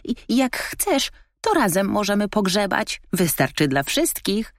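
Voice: mid-range voice, big pitch swings, a little slow, no room sound, clean studio sound, pitched above the performer's own voice. A woman doing a cheeky, mocking raccoon. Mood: friendly. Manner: teasing, sarcastic. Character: cheeky mocking little raccoon, sly and carefree.

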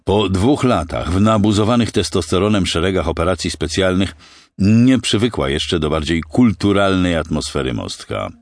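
Deep voiced guy narrating an audiobook, really expressive pitch, dry close mic. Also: normal speed, dry recording. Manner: expressive storytelling.

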